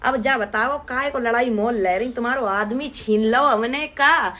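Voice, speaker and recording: A woman's voice: a little high, a little slow, sharp tone. A young woman from Badaun in western Uttar Pradesh with a rustic local accent, reading viewer comments aloud and answering them in a blunt, scolding, sarcastic way. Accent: rural western Uttar Pradesh (Badaun). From Badaun, Uttar Pradesh, India. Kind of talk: casual comment-reply vlog.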